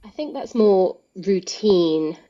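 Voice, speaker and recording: A woman's voice: medium pitch, animated, takes it slowly, dark tone, no echo, lo-fi sound. A woman speaking as a guest in a live online talk, chatty and explanatory with many fillers. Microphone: video call.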